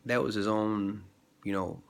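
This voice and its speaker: A vlogger speaks a little slowly in a lowish voice with vocal fry. Nursing a cold, he's sniffly and congested while rambling about faith with plenty of fillers and restarts.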